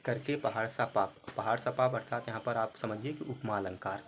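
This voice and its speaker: A man's voice: fairly low pitch, fairly quick, fairly bright tone, slight background noise. A man teaching a Hindi poem to exam students, reading each verse and then glossing it word by word. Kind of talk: explaining a Hindi poem line by line.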